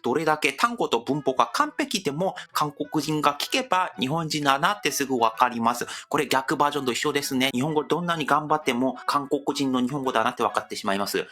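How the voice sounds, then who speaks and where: A man's voice: medium pitch, fast talker, hardly any pauses, soft background music. A man from Seoul with a Korean accent, a native Korean speaker, hosting a language-learning video and explaining with demonstrative examples. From Seoul, South Korea. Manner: lively, animated delivery with demonstrative examples. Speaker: host.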